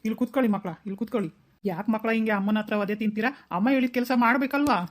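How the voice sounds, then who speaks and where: Brief: rapid, reasoning cartoon father voiced by a woman, fairly high. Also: close to an everyday voice. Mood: lecturing. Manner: lecturing, reasoning. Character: calm scolding middle-aged father.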